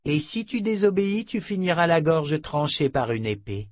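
A man's voice: a little high, very animated, moderate pace, no room sound, studio quality, pitched above the performer's own voice. A man voicing a brutal, contemptuous male henchman who barks orders with scorn, in an audiobook. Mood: menacing. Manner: menacing, scornful, commanding. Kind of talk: audiobook character voice.

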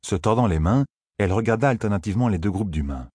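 A man narrating an audiobook in a steady, measured reading voice. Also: fairly low pitch, husky, no echo, clean studio sound.

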